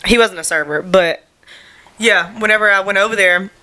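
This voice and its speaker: A woman's voice: medium pitch, normal speed, sharp tone. A young adult woman hosting her own podcast at home, chatting in a loose, rambling way, full of "like" and casual slang. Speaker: podcast host. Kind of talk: casual solo podcast chat. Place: at home in front of a camera.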